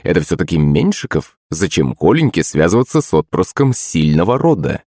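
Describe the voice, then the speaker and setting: A man's voice: low-pitched, sing-song, moderate pace, darkish tone, dry recording, studio quality. A man narrating an audiobook.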